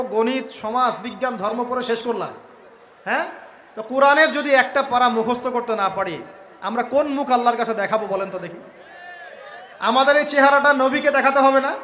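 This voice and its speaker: A man's voice: very high voice, normal speed, pushed and bright, a little hiss or hum. A man preaching a sermon, exhorting a crowd with rhetorical questions. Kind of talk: Bengali waz sermon. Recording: echoey hall, faint ambience.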